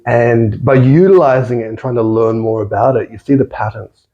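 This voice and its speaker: An Australian-accented man, a podcast guest, talks thoughtfully in a reflective, casual conversation, repeating words as he searches for how to phrase things. His voice is medium-pitched, mellow and at normal speed, and the sound is lo-fi.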